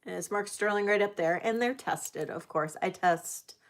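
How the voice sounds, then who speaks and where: A woman's voice: mid-range voice, moderate pace. A middle-aged woman working as a casual auctioneer on a live sale, chatting and addressing bidders by name.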